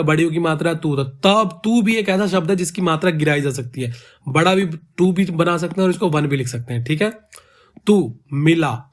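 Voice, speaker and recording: A man with a fairly high voice teaches ghazal meter. He counts the syllables of each word aloud and slows right down to stretch out verse lines as he recites them. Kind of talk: explaining poetic meter.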